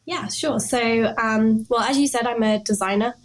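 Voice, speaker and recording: Casting: young British woman, podcast guest, relaxed, lots of "sort of". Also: fairly high pitch, normal speed, rough recording. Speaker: guest designer. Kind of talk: casual interview.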